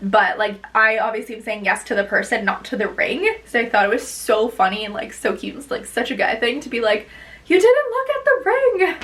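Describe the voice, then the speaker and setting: A woman's voice: mid-range voice, fairly even intonation, brisk, hardly any pauses, a bit bright, distant mic, rough recording. A young woman vlogger chatting casually as she tells a story, bubbly and gushing, rambling on.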